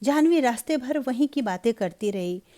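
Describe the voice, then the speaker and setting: Woman, storybook narrator, even measured reading, soft mellow tone. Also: on the high side.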